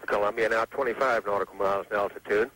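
A man's voice: lowish voice, fairly even intonation, fast talker, fairly bright tone. A man giving live mission control radio commentary on a launch in clipped, factual, procedural phrases. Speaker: mission control public affairs announcer. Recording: noisy old space launch broadcast.

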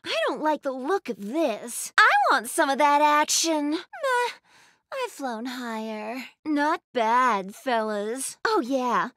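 A woman's voice: high-pitched, very animated, slow pace, fairly bright tone, dry recording, studio quality, full character voice. An actress voicing a sassy, flirty female bat racer in a video game, smug and teasing, with a sultry, taunting manner. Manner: sultry, taunting, pet names like sugar and honey. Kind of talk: video game character voice lines.

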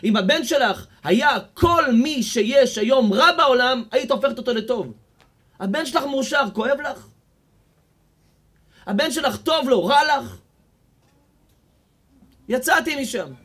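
An Israeli rabbi delivers a sermon, retelling encounters with his listeners. His voice sits very high for a man, and he builds from quiet storytelling to fervent, almost shouted declarations. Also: lively intonation, pauses often, husky. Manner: impassioned storytelling, rising to near shouts. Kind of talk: sermon with retold stories.

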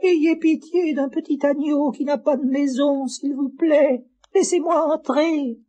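A man's voice: very high-pitched, fairly even intonation, unhurried, dark tone, highs cut off, pitched above the performer's own voice. A man voicing a sly, hungry big bad wolf in a storybook record with music. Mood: sugary pleading.

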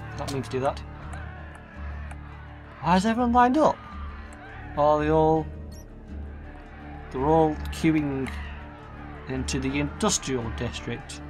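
A man's voice: fairly high pitch, slow, pauses often, a little mellow. Man chatting through a game. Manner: chatty, muttering to himself, reading aloud. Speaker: gaming video host. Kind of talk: gameplay commentary. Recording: game music behind.

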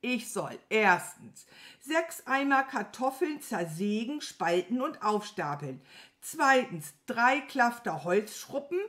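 A woman reading a children's story aloud, voicing a cheeky young man who plays dumb in a drawn-out, confused way. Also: a little high, very animated, a bit bright, heavily acted. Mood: feigned-dumb. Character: cheeky young male puppet hero playing dumb.

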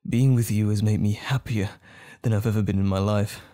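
With a fairly low pitch and mostly even intonation, this man performs a lightly acted ASMR roleplay as an adoring, romantic date. Close to the microphone, he talks softly and hesitantly, leaving lingering pauses.

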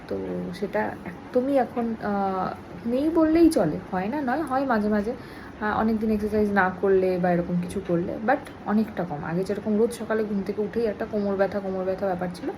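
A young woman, chatting casually to camera in a home vlog. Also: background noise. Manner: chatty, switches into high sing-song baby talk with her daughter. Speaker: vlogger.

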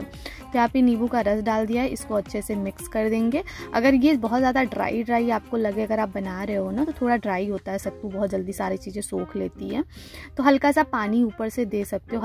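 Woman with a gravelly, fry-tinged voice. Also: mid-range voice, a little mellow. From India. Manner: chatty, explaining step by step. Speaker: vlogger. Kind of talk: casual voice-over narration.

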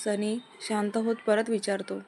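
A woman reading a romance story aloud in Marathi, voicing each character's lines in a lively way. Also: medium pitch, moderate pace, vocal fry, slight background noise.

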